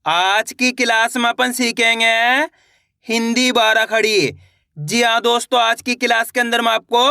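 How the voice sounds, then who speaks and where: A man's voice: very high-pitched, vocal fry, sharp tone, dry recording, studio quality. A young man teaching a beginner reading lesson, patiently repeating each question and answering it himself.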